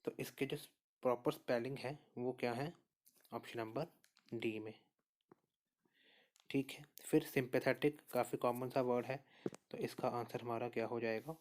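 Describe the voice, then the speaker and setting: A man teaches a recorded exam prep class at an even, middle pitch. He walks through each option calmly, repeats the right answer and keeps checking in with his students. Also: normal speed, pauses often. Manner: steady explainer, repeats answers and says "okay" often. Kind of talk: spoken lesson walking through quiz answers.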